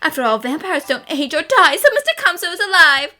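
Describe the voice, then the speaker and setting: A woman playing an excitable, theatrical young female detective in an overacted anime-style fan dub. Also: very high voice, a little fast, full character voice. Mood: insistent. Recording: voice over faint music. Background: faint music.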